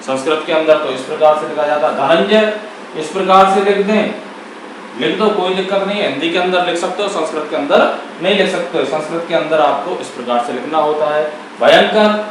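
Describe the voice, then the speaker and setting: Guy teaching grammar in a super echoey room, mic pretty far off, slightly high voice. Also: brisk, background noise. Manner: asks and answers his own questions. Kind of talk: classroom-style explanation.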